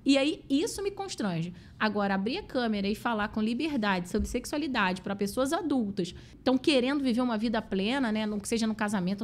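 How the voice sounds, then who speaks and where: Fast-talking Brazilian woman, emphatic. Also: a little high, slight background noise. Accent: Brazilian Portuguese. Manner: emphatic, quick, acts out quoted voices. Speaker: guest expert on relationships. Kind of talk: animated conversational explaining.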